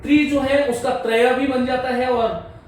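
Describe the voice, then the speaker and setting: A man's voice: very high voice, steady tone, unhurried, a little mellow. A male Sanskrit teacher giving a patient board lecture, repeating key points and addressing viewers as friends. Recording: echoey room from a distance, faint hiss.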